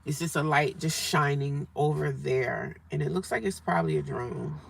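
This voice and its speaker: A woman with a deep voice, vocal fry, and lively intonation speaks at a moderate pace. Live streaming from a parked car beside a highway, she chats casually with viewers, repeating herself and reading their comments aloud over faint traffic noise.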